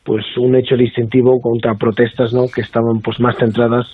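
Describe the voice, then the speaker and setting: A male professor of international relations, heard over a telephone line as a guest on a radio talk show, explaining in a measured way and often ending sentences with a questioning "right?". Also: medium pitch, level tone, slight background noise. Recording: tinny phone line.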